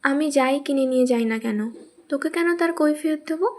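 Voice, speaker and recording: A woman's voice: high-pitched, normal speed, close to an everyday voice. A woman voicing a stingy, scolding old grandmother. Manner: scolding, snappish.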